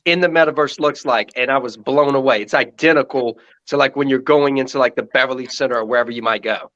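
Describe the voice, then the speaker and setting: A man hosts a casual interview over lo-fi livestream audio, chatty and quick with his follow-up questions. His voice sits at a middle pitch. It comes through muffled and dull, like a phone broadcasting live. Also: fairly bright tone. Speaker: show host.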